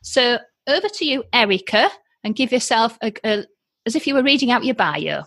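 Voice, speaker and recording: A woman's voice: on the high side, very animated, moderate pace, a bit bright, no room sound. Enthusiastic woman hosting a podcast. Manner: enthusiastic, upbeat. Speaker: podcast host. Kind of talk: light-hearted podcast chat.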